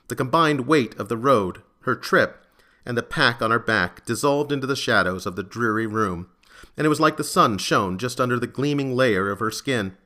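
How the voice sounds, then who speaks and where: A male narrator reads a crime serial in a measured, even storytelling manner. His tone is bright and forward, and his pitch sits mid-range for a man. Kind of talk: scripted audiobook narration.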